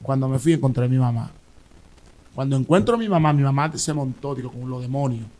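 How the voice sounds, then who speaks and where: Fast-talking Dominican man telling his testimony. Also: medium pitch. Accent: Dominican Spanish. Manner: animated storytelling with restarts and repeated words. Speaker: interview guest. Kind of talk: emotional personal testimony.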